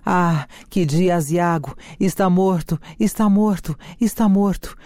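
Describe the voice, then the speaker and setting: Reader putting on an old fretful nurse, slow declamation, mellow, dry sound, from a play reading. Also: mid-range voice, dry recording, natural voice. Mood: grieving.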